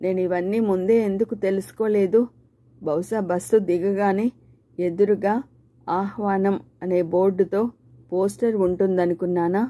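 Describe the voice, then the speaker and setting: A woman reading a short story aloud as first-person narration, in a steady, measured way with even pauses. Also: medium pitch.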